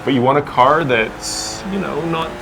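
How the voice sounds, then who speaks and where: Gravelly man giving dry game tips. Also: on the high side, measured pace, over music, poor audio. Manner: dry, teasing, matter-of-fact tips. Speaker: guest player and game expert. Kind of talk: casual livestream chat. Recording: background hum and noise.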